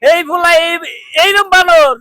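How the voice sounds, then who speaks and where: A man voices a local man in an amateur street drama, speaking loud and exclaiming. His voice runs very high throughout. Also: steady tone, measured pace, full character voice. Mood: scolding.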